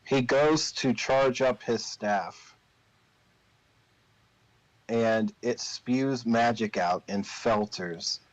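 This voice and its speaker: A man acting as game master for a tabletop game, improvising narration in a deliberate, pausing way. His pitch is average, and the recording is very dry and a little muffled. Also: no room sound.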